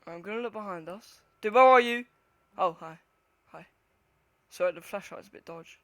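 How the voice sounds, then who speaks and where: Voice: mid-range voice, moderate pace, a bit bright, no echo. A scared horror game streamer chatting casually and swearing with a co-player, jumpy and panicky, moving between nervous muttering and shrieks. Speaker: gamer playing an online horror game.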